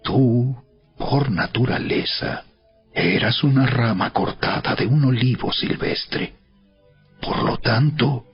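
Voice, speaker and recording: A man giving a dramatized Bible narration as solemn, emphatic oratory with deliberate dramatic pauses. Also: mid-range voice, vocal fry, breathy edge. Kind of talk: dramatized scripture narration, preaching a letter aloud. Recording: dull recording with music behind. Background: background music.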